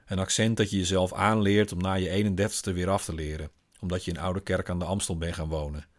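A man, a father, reading a first-person literary story in a calm, wry, observant manner. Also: low voice, fast. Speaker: father and narrator.

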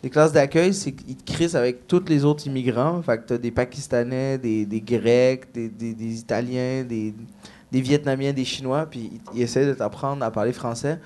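A man's voice: mid-range voice, moderate pace. A man with a Québécois French accent who learned the language as a newcomer, telling stories in a casual podcast chat and acting out the people he quotes. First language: not French. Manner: animated storytelling, acting out quoted voices. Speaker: comedian guest.

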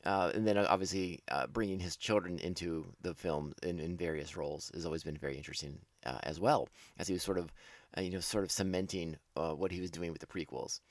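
A man's voice: low-pitched, steady tone, fast, dry recording. A man hosting a casual podcast commentary, rambling with frequent restarts and self-corrections, enthusiastic and laughing at himself.

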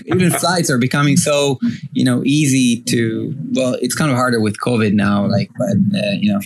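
A man's voice: medium pitch, poor audio. A man hosting a podcast in a casual, rambling way, full of fillers like "like" and "you know". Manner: rambling, many fillers, laughs often. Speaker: podcast host. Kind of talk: casual chat.

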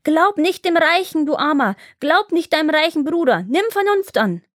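A woman putting on a pair of enchanted sticks that shout their scolding in high, shrill voices. It is storybook narration recorded dry and close, with no room around it. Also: animated, normal speed, no echo.

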